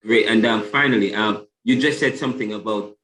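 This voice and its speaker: A man's voice: on the low side, a little fast, bright, forceful tone. A man hosting a podcast interview, asking questions and answering with short affirmations. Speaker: podcast host. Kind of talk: casual interview talk. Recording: roomy echo.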